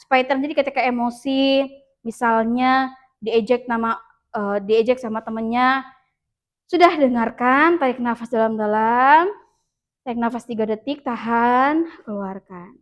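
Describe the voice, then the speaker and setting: Female school counselor, fairly high voice, Indonesian accent, patient and encouraging with a class. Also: muffled recording. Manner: patient, leads students through slow breathing, acts out child dialogue. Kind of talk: classroom guidance lesson.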